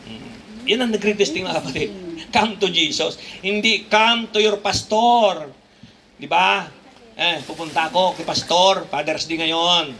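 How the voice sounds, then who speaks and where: Filipino male pastor, high bright voice, chatty joking sermon with emphatic peaks; casual church preacher. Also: normal speed, a little hiss or hum. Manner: conversational, joking, switching between Tagalog and English, rising emphatic peaks.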